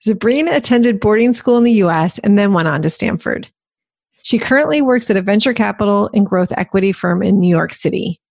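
A woman's voice: mid-range voice, expressive, a little fast, vocal fry, a little mellow, dry recording. A woman hosting a podcast, reading a guest introduction and asking questions in an upbeat, welcoming way. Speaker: podcast host. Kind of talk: scripted intro and interviewing. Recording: dry close studio mic.

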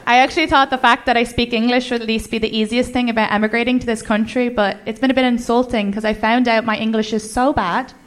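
A young woman with an Irish accent doing a stand-up comedy set, wry and deadpan with mock-outraged asides. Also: fairly high pitch, fast, few pauses. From Ireland. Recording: live club set with audience noise.

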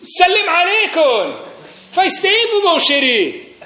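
A man putting on the voice of a jovial old great-grandfather who has risen from the dead, greeting loudly and exuberantly. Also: very high-pitched, huge pitch swings, slow pace, voice pushed up, full character voice. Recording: echoey room.

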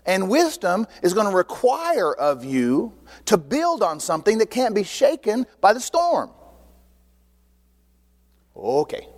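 A man preaching a sermon as pastor, in an animated, conversational way full of rhetorical questions. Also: high voice, takes it slowly, long pauses. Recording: long hall reverb.

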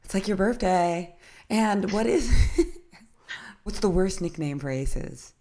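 A woman hosting a podcast, husky from a cold, asking questions in a joking, casual way. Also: medium pitch, animated, slow, dark tone. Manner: joking, asks questions, laughs at own jokes. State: sick with a cold, voice gone husky. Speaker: podcast host.

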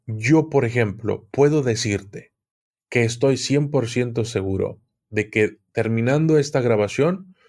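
Unhurried and darkish in tone, this medium-pitched male voice belongs to an occultism channel host guesting on a podcast. He chats casually and thoughtfully in the interview, using everyday examples and laughing frequently.

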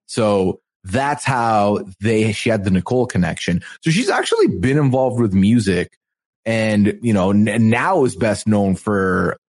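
A male podcast host with a somewhat low voice chats casually about a TV show. He rambles, jokes and teases his co-host in a playful way. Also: very animated, a little slow, a little mellow. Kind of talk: casual chat recapping a TV show.

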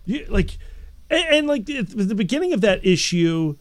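A man co-hosting a comics podcast, animated and acting out scenes as he talks. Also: high-pitched, moderate pace. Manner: animated, acts out scenes in quotes. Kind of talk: casual comics podcast chat.

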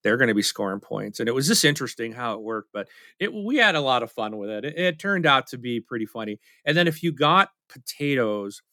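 A man's voice: mid-range voice, big pitch swings, brisk, few pauses, sharp tone, no echo. A middle-aged man chatting casually as a podcast co-host, rambling and telling stories with many fillers. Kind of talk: casual chat.

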